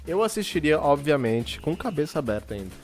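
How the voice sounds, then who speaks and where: A man's voice: fairly high pitch, very animated, fairly quick, music in the background. A young man with a Brazilian Portuguese accent, telling stories in a casual, sweary, rambling podcast chat. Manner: slangy, sweary, rambling storytelling. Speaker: podcast co-host.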